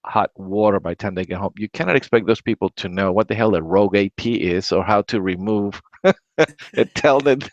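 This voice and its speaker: Casual tech-podcast host, Latin American man, rambling and low-pitched, dull lo-fi sound. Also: steady tone, fast, few pauses, no room sound. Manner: rambling, repeats words, many "right?" tags. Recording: dry, dull lo-fi audio.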